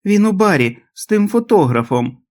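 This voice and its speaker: A shrill, querulous old mother in a fever, as a male audiobook reader puts her on. She cries out in delirium, her voice pushed high and squealing. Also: animated, moderate pace. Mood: delirious.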